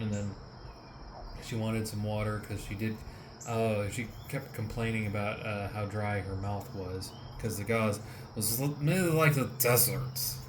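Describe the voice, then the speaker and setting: Low-voiced man chatting casually over background noise. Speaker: driver and caregiver telling the story. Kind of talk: casual chat and recounting. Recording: clear car and outdoor background noise.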